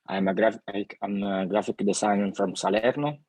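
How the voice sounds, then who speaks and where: Twenties guy from italy, graphic designer, deep voice, cheerful, dry sound. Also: fairly even intonation, a little mellow, dry recording. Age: 20s. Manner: cheerful, quick introduction.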